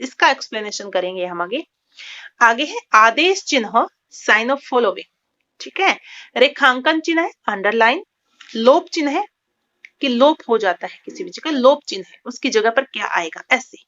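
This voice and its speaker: A woman with a fairly high, bright voice teaches a grammar lesson to her students. She walks through each point patiently, repeating key terms and checking in with them as she goes. The recording sounds dull and lo-fi. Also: expressive, a little slow.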